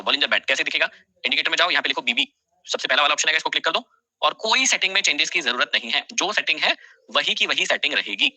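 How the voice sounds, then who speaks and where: A man running a live online class, talking fast with a bright, forceful edge. He repeats key phrases for dictation and addresses students by name. The sound is dry and close, with mouse clicks now and then. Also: a little high, no echo. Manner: scolds then reassures students directly. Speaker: teacher.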